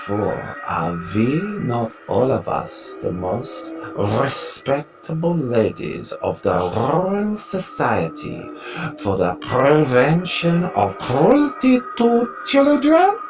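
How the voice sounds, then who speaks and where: A woman's voice: deep voice, very animated, extremely slow, over music, exaggerated voice. A woman voicing a cruel, imperious witch leader who barks orders in broken, foreign-sounding grammar. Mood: commanding.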